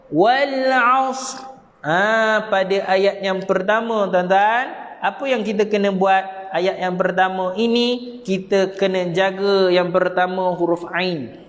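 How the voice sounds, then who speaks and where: A man's voice: high-pitched, big-room sound. A man with a Malaysian Malay accent teaching Quran recitation online, repeating each point earnestly and chanting the verses as examples. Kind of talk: online Quran reading lesson.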